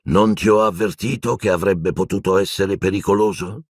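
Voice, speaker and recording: Old wizard headmaster done by a guy reading an audiobook, slow solemn talk, dry close sound. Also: low voice, husky, no room sound. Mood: grave, commanding. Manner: slow and solemn when calm, wailing and pleading when afraid. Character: old male wizard headmaster, grave then terrified. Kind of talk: audiobook character voice.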